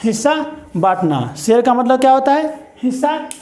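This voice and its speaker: A man teaching English pronunciation in a spoken lesson, with an Indian accent, who stretches words out slowly and keeps asking "what is it?". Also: very high-pitched, big pitch swings, a little mellow, reverberant, soft background music. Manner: repeats words slowly and drawn out, asks "what is it?".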